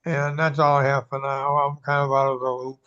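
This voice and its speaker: Man, board member, relaxed rambling talk, smooth voice, dull lo-fi sound. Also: medium pitch, a little fast. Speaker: selectboard member. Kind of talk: town meeting proceedings.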